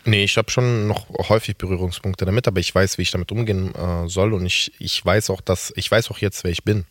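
A man's voice: sits low, steady tone, fairly quick, no echo, studio quality. A man in his thirties, a guest in a casual podcast conversation, talking candidly and rambling with self-mocking asides. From Germany.

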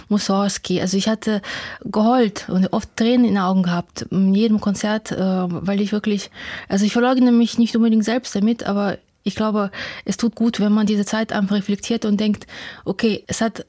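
A woman's voice: medium pitch, dark tone. A woman from Ukraine, Russian her first language, speaking German as an author in a candid, reflective interview. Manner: earnest, candid, searching for words.

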